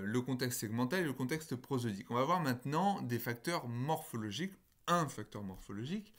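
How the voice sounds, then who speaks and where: A man giving a phonology lecture in a patient, explanatory way. He hesitates with fillers, corrects himself, and slows down to spell out example words. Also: medium pitch. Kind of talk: recorded university lecture.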